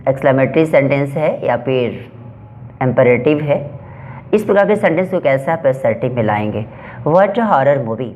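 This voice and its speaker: A male teacher leads a grammar lesson at an unhurried classroom pace. He reads each example sentence out slowly and deliberately, then explains it step by step. Along the way he poses questions to his students and answers them himself. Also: mid-range voice, lively intonation, a little mellow, soft background music.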